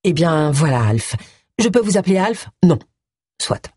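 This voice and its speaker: A woman's voice: sits low, sing-song, measured pace, mellow, slightly rough, no echo, studio quality, full character voice. A woman voicing a nosy, headstrong middle-aged amateur detective with a brash manner. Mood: sheepish.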